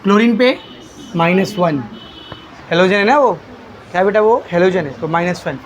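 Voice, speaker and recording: A man's voice: high voice, expressive, normal speed, slight background noise. A male chemistry teacher, lecturing a class, asking questions and answering them himself, calling students "beta". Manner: quizzes students, answers his own questions; calls students beta, coaxing.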